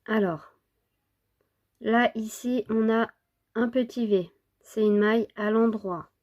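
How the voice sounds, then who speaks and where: A woman who is a little sick, giving an informal knitting tutorial step by step in an unhurried way. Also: on the high side, steady tone, a little mellow, lo-fi sound. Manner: unhurried, counting and repeating steps. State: slightly sick, under the weather with a cough.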